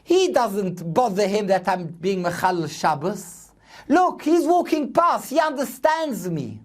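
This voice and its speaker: A man's voice: high voice, sing-song, a little slow, exaggerated voice. A rabbi voicing a male driver who mockingly taunts a passing rabbi during a sermon.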